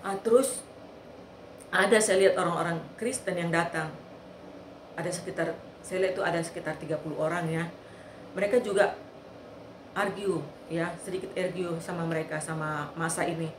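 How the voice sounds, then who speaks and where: A woman with a lowish voice gives an earnest personal testimony, recounting events with repetition. Her voice rings around an echoey room. A faint ambient noise sits behind her. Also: steady tone, a little fast. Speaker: eyewitness sharing a testimony.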